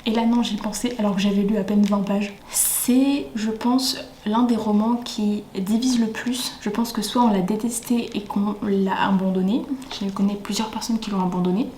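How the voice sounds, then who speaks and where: A woman's voice: mid-range voice, fairly even intonation, moderate pace. Chatty young woman in an echoey room. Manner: chatty, enthusiastic, often dips into soft breathy asides. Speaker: book vlogger. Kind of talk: casual chat. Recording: echoey room with faint ambient noise.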